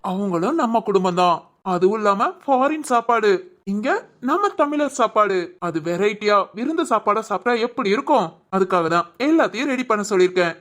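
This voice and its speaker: A voice actor playing a caring young husband in a cartoon, who gently teases and coaxes his wife. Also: medium pitch, animated, fairly quick, lightly acted. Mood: tender, reassuring. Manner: gently teasing, coaxing. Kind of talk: cartoon voice acting.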